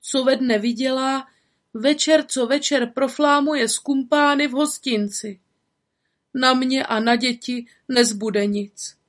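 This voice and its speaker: A woman's voice: high-pitched, voice pushed up, close to an everyday voice. A woman voicing a sad, weary shingle-maker's wife in a storybook reading, sighing and mournful.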